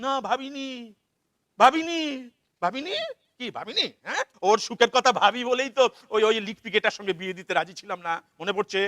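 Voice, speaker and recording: A man's voice: very high voice, lively intonation, brisk, dry recording, heavily acted. A man playing a frantic, ranting father of the bride. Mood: frantic indignant. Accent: Kolkata Bengali. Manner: ranting, shouting, sarcastic, repeating himself. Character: frantic middle-aged father of the bride, money-obsessed. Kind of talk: theatre play reading.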